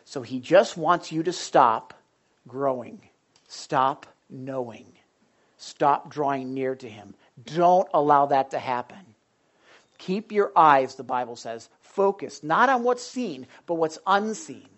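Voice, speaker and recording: A preacher delivering a sermon to a live audience, talking loudly and excitedly, then dropping into hushed, earnest tones. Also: medium pitch, takes it slowly. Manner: loud and excitable, swinging between shouting and hushed tones. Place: indoor gathering with a live audience.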